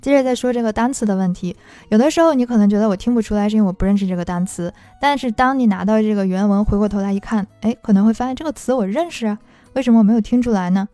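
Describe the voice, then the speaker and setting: A woman's voice: mid-range voice, very fast, mellow, no echo, soft background music. A woman language teacher giving a patient explanatory talk and walking through worked examples.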